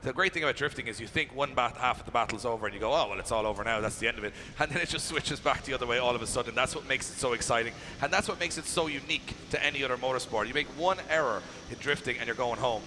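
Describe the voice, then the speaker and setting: A man's voice: medium pitch, racing, hardly any pauses. A man working as motorsport commentator and event announcer, chatty and emphatic as he hypes live racing. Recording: clear engine and outdoor track noise.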